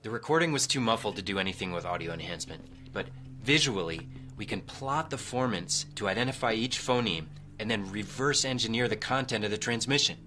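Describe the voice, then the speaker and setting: An actor playing a police tech expert who explains technical details precisely. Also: male voice, lowish voice, animated, a little fast, few pauses, sharp tone, a little hiss or hum. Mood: explaining. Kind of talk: audio drama acting.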